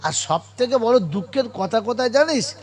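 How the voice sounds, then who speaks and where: A man, an Islamic preacher telling a story in a sermon, loud and scolding, firing rhetorical questions at the crowd. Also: very high voice, lively intonation, normal speed. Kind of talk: storytelling sermon at a religious gathering.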